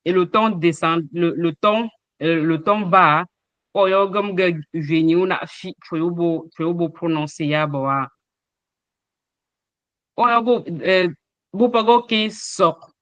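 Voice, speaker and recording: A man teaching an online language lesson, explaining tones slowly with repeated examples and hesitations over a video call. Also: on the high side, fairly bright tone, dry recording, muffled recording. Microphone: computer mic on a video call.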